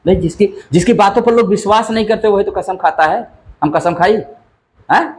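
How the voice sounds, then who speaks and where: A man teaching a literature class, reciting verse slowly and then explaining it in lively rising tones. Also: high voice. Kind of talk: Hindi literature lesson explaining a poem.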